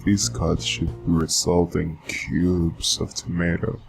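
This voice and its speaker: Man doing a muffled seductive voice, very deep, gravelly, slow and flat, guitar plucking behind. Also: full character voice. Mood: sultry. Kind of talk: scripted how-to reading in a put-on voice.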